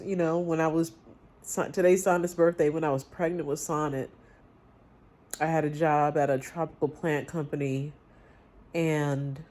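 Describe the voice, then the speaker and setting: A woman speaking candidly in a personal vlog, confiding and reflective, with halting phrases and pauses. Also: sits low, darkish tone. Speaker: vlogger.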